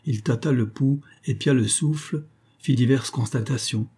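A man reading a novel aloud as an audiobook narrator in a measured, storytelling way. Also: mid-range voice, dark tone, slightly rough. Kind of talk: scripted narration.

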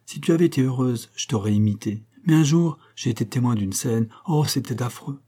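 A man's voice: medium pitch, brisk, mellow, husky, natural voice. A man voicing a prim, unmarried schoolteacher aunt who confides an old secret with earnest feeling, in a read-aloud story. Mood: impassioned confiding.

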